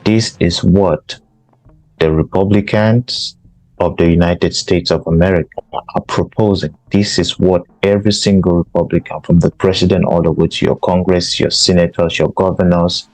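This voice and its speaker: A man's voice: low-pitched, fairly even intonation, normal speed, a little mellow, dry recording, rough recording. A man from Cameroon, hosting a podcast and giving an emphatic political commentary monologue. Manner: emphatic, repeats himself for stress. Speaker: podcast host.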